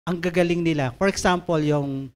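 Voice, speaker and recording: A woman preacher giving an emphatic sermon, reading scripture slowly and asking listeners to turn to their neighbors. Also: low-pitched, steady tone, darkish tone.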